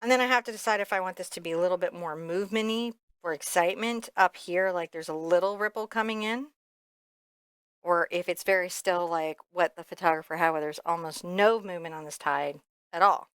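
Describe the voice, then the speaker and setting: On the low side yet a bit bright, her clear, resonant voice moves fairly quickly in a dry recording. She's a painting instructor giving an informal step-by-step lesson, thinking aloud candidly and drifting into rambling asides.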